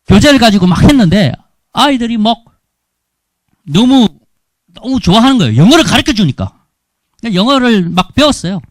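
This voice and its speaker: A man's voice: high-pitched, moderate pace, pauses often, no room sound. A middle-aged man with a Gyeongsang Korean accent, giving a humorous missionary testimony in a church. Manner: lively storytelling with humor. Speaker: missionary speaker. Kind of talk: testimony sermon.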